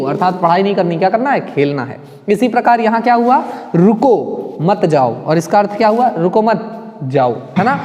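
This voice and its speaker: A man's voice: sits high, darkish tone. Male tutor for an exam-prep lesson, quizzing students with rhetorical questions, long reverb on the voice. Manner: asks the class rhetorical questions, often adds "right?". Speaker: teacher.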